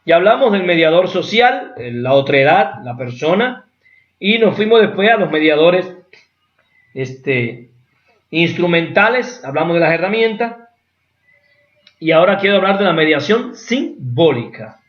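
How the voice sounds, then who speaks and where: A man lectures in an explanatory way, often checking in with his listeners. His voice sits fairly high. The recording is roomy and somewhat muffled. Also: very animated, unhurried. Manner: explanatory, with rhetorical asides and acted examples. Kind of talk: academic lecture. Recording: echoey room, dull lo-fi sound.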